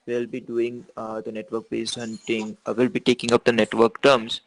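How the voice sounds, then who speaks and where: A man's voice: mid-range voice, completely flat delivery, normal speed, no echo, poor audio. A man teaching an online class over a video call, answering questions with many fillers and restarts. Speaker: instructor.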